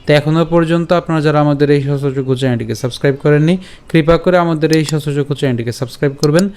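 A man teaching Sanskrit verse pronunciation in an online lesson, breaking words into syllables and chanting the lines slowly. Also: fairly high pitch, a little mellow, smooth.

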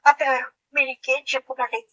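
A hot-tempered young wife, played by a woman, hurls accusations in a high, bright, piercing voice. She is theatrical and quick to outrage, like a comic audio-play character. The recording is dull and lo-fi. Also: level tone, recorded from a distance. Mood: furious.

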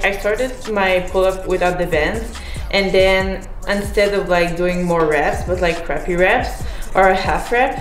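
Chatty young woman in a roomy garage gym. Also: on the low side. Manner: chatty, hesitant fillers, light laughs. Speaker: fitness athlete. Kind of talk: casual vlog with training tips. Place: home garage gym and kitchen. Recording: roomy garage with hip hop music behind. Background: hip hop music.

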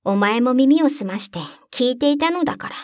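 A woman voicing a rough, bossy young robber girl in a storybook reading, with blunt tomboyish speech. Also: sits high, lively intonation, brisk, no room sound, clean studio sound. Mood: brusque.

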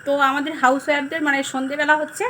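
Bengali housewife vlogging on her phone at home, high quick chatty voice, bit hoarse. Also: level tone, sharp tone, a little hiss or hum. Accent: Bengali (West Bengal). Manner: chatty, rambling, many fillers. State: hoarse, throat going. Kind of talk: casual vlog chat to viewers.

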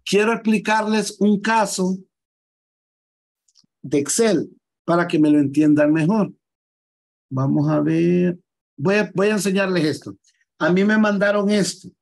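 Patient man teaching software, higher voice. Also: unhurried, gravelly, pauses often, low-quality recording. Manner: patient, repeats and checks students follow. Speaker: computer skills teacher. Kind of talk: live online class, explaining screen steps.

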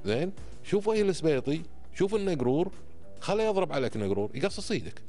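A man's voice: on the high side, very animated, fast, dark tone, soft background music. A man in his fifties with a Kuwaiti Gulf Arabic accent, explaining emphatically like a teacher in a podcast conversation, checking often that he is followed. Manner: emphatic, didactic, frequent checking tags. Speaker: podcast guest. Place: indoor podcast studio. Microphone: close studio microphone on boom arm.

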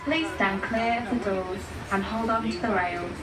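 A woman giving a recorded transit announcement over a public address loudspeaker, calm and even. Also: medium pitch, moderate pace. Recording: echoey loudspeaker from far off, music.

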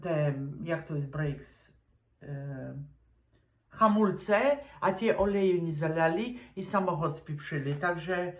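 High-voiced man reading tarot casually. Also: slow, reverberant. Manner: chatty, direct advice, sprinkles English words into Polish. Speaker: tarot reader.

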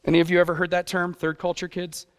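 A middle-aged guest preacher and youth pastor, who grew up partly in Japan, gives an informal sermon from a church stage indoors. His high voice is monotone, clean and fast, and he speaks in a self-deprecating, conversational way, tossing out rhetorical questions. The recording carries the reverberant sound of a hall.

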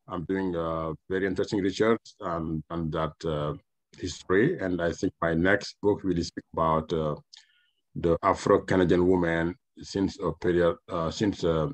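A man in his forties from Senegal, speaking English with a Senegalese French accent, lecturing on history over a headset video call. His voice sits a bit low, and he talks in halting bursts full of "uh"s and restarts. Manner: halting, many filler uhs and restarts. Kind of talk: online lecture presentation. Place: home room with shelves, indoors.

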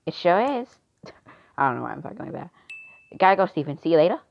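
A woman performing an amateur skit, reading the lines in a halting, unpolished way. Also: deep voice, expressive, creaky, highs cut off. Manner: unpolished, halting line delivery. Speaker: skit performer voicing both parts.

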